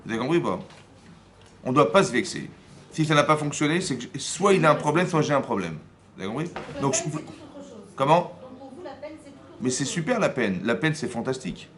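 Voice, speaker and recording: A man, a rabbi, giving a lively Torah class, often acting out dialogue and asking his listeners whether they follow. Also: medium pitch. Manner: acts out dialogue in first person.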